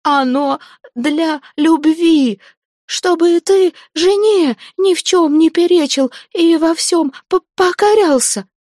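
A woman voicing a terrified woman being choked, pleading in a high, shrill, stammering voice. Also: takes it slowly, a little mellow, no echo, clean studio sound.

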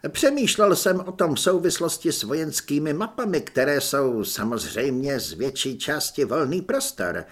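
A man voicing a keen, clever young soldier in an audiobook, explaining his ideas eagerly and quickly. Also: fairly high pitch, sing-song. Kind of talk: audiobook character voice.

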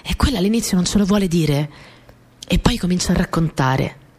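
An actress with a lowish voice speaks briskly as a small, earnest, easily flustered young wartime partisan courier. She tells her story in an intimate, expressive radio drama monologue, with an earnest, reflective mood.

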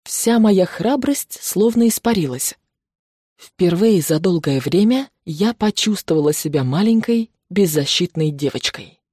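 A woman narrating a novel in the first person, expressive and lively. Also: on the low side, unhurried, slightly rough, no room sound, studio quality.

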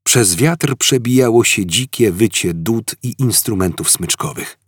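A man reading an audiobook in an expressive, animated style. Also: on the low side, unhurried, breathy edge, no room sound, clean studio sound. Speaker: audiobook narrator. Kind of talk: audiobook narration.

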